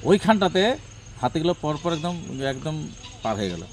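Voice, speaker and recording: A man giving an informal, halting eyewitness account. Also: fairly high pitch, very animated, a little hiss or hum. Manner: halting, repetitive telling. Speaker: local eyewitness being interviewed.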